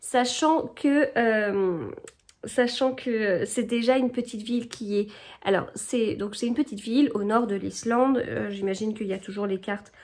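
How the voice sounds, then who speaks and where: A woman's voice: on the high side, a little slow, darkish tone. A woman vlogging casually about a book, hesitating often with fillers and restarts as she reads passages aloud. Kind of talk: casual chat.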